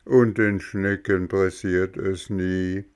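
A man voicing a calm, unhurried female snail in a storybook reading, speaking in a placid, drawn-out way. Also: deep voice, clear, resonant tone.

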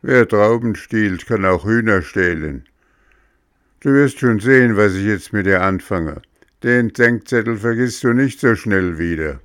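A man's voice: lowish voice, unhurried, a bit bright, no room sound, studio quality. A man voicing an angry, threatening farmer in a storybook reading. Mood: furious. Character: angry gruff middle-aged farmer.

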